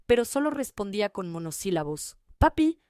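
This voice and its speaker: A woman reading a first-person family story in an even, measured way. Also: mid-range voice, smooth, no echo, clean studio sound. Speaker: narrator.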